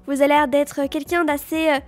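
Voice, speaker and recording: A woman's voice: high-pitched, little pitch movement, a little fast. A woman YouTuber role-playing as a psychologist in a comedic game role-play, talking in a flustered, hesitant way. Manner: flustered, hesitant, lots of fillers.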